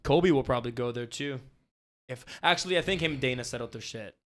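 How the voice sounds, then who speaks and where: A young man chatting casually as a podcast co-host. His delivery is loose and laid-back, with plenty of filler words and frequent swearing, at a middling pitch. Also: fast, a bit bright.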